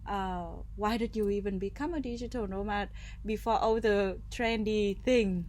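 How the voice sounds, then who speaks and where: A woman's voice: mid-range voice, fairly even intonation, moderate pace, a little mellow, slight background noise. A woman hosting a podcast, asking long, rambling questions in a casual way and murmuring agreement often. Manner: chatty, rambling questions with frequent backchannel. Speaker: podcast host.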